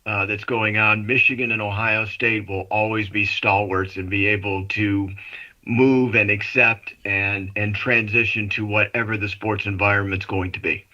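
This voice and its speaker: A man's voice: lowish voice, steady tone, moderate pace, bright, forceful tone. A man giving sports commentary in a chatty, explanatory way on a radio talk show, his voice muffled as if it comes through a wall. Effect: muffled, as if heard through a wall. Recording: muffled remote line.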